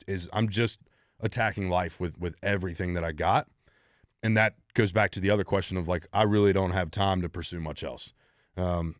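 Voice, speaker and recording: A podcast host in his 30s, whose voice is very low, runs a solo Q&A show. He is blunt and driven and swears freely, recorded close and dry with no room echo.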